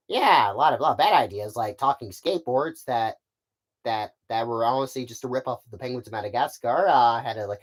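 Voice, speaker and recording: Man, casual stream chat, rambling, stammering restarts, lively swinging pitch. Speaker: puppet channel creator.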